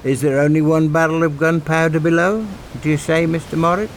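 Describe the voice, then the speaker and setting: A male audiobook narrator voicing a calm, commanding middle-aged ship captain who gives clipped orders. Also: fairly high pitch, brisk, slight background noise, voice pushed up, close to an everyday voice.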